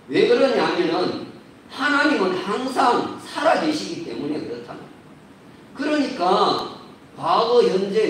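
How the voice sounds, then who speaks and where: A man preaching a sermon as a pastor, measured and building to emphatic points, recorded in a church sanctuary. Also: on the high side, slight background noise. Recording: roomy echo, distant mic.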